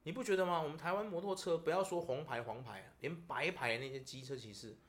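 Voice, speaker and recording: Talking fast in a fairly high voice, a man hosts a casual podcast with a Taiwanese Mandarin accent. He spins stories and goes off on animated rants.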